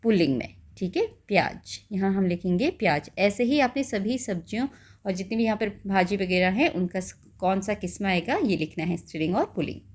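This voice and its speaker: A woman's voice: mid-range voice, expressive. Patient woman teaching a class. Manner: patient, checks in with "ठीक है" and "है ना", slows to spell out words. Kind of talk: explaining a school lesson.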